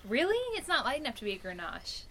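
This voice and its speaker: A woman's voice: on the high side, big pitch swings, fast talker, sharp tone. A woman chatting casually as she tastes wine with others. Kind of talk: casual chat at a wine tasting.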